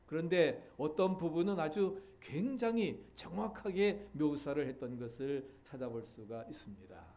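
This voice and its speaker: A middle-aged man from Seoul, a pastor delivering a sermon in a measured way, pausing often with fillers. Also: fairly high pitch, expressive, dark tone. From Seoul, South Korea. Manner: measured preaching with frequent filler pauses.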